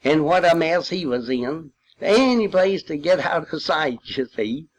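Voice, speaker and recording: An older man shares his war memories in a relaxed, folksy way, wandering from point to point with long hesitations. His voice is slightly high and animated, and he keeps a measured pace.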